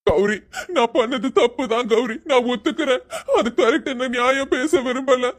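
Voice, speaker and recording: A devoted young husband who keeps begging his wife through tears, voiced by a performer. His voice sits high for a man. He sounds desperate but gentle. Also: moderate pace, natural voice. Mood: tearful pleading. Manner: begging, tearful.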